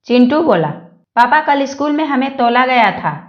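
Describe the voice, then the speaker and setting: A woman reading a string of jokes aloud, one after another, in an even manner. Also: high-pitched, moderate pace, roomy sound, muffled recording. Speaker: joke reader.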